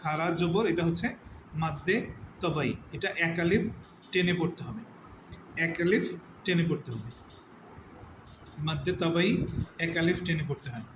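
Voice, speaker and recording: A man with a slightly high voice teaches a religious lesson, going over each term again and again. He slows right down to stretch out the recited words. The recording is echoey, with a steady background noise. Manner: explains step by step, repeating terms and drawing out recited words slowly. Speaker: Quran teacher. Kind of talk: religious lesson on word meanings and recitation rules.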